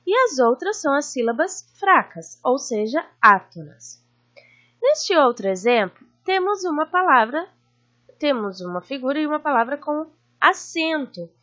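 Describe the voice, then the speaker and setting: High, lively Brazilian schoolteacher woman. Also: dull audio. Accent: Brazilian Portuguese. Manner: slow, drawn-out stressing of syllables; warm teacherly questions to pupils. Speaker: teacher. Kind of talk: recorded online lesson for children.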